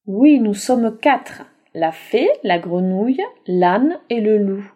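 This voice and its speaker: A woman's voice: medium pitch, animated, slow pace, dark tone. A woman voicing a group of small creatures, a fairy, a frog and friends, huddled inside a bagpipe, in a storybook reading. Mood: singsong.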